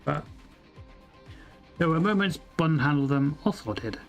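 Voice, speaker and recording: Playing a factory-building game, a Welsh-born streamer with an English accent offers casual commentary, cursing liberally, muttering, and running himself down. His voice is fairly high, creaky, and lively in intonation, and he speaks a little slowly over soft background music.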